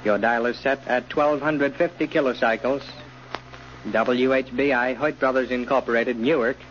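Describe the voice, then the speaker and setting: A man's voice: mid-range voice, fairly even intonation, slight background noise. A man, a station announcer, reading a formal sign-off on an old 1930s radio broadcast. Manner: formal, measured. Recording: dull lo-fi 1930s radio broadcast with music behind.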